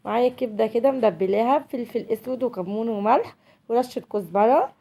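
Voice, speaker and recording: A woman's voice: a little high, quick pace, vocal fry, warm tone. An Egyptian woman with a cold, hosting her home cooking channel and chatting directly to viewers as she cooks. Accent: Egyptian Arabic. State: has a cold.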